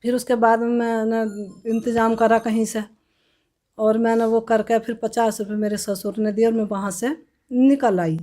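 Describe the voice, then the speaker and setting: A woman telling her own life story as a testimony in an interview, in a plain, halting way with many restarts. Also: fairly high pitch, level tone, dark tone. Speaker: testimony giver.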